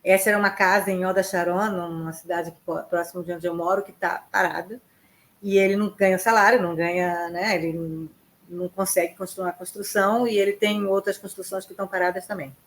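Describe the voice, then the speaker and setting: A woman correspondent giving conversational news commentary, talking in a halting way with many restarts and fillers. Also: lowish voice, fairly even intonation, a little hiss or hum.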